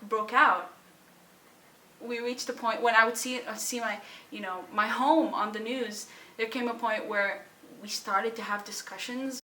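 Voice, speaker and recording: A young woman from Syria telling her personal story, halting and emotional, with pauses, sighs and restarts. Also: medium pitch, pushed and bright, echoey room, far from the mic, a little hiss or hum, low-quality recording. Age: young adult. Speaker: student sharing her story. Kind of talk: personal testimony.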